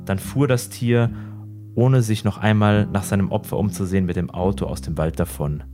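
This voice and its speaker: A low-pitched man narrates a dark crime story slowly and gravely. His tone is measured and serious. Guitar music plays clearly behind him. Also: fairly even intonation. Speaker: podcast host. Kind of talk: dramatic true-crime storytelling.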